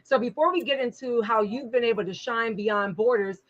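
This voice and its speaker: A woman's voice: fairly high pitch, moderate pace. Woman interview host, dull lo-fi sound. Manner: encouraging, rephrasing questions at length. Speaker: talk show host. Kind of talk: interview conversation.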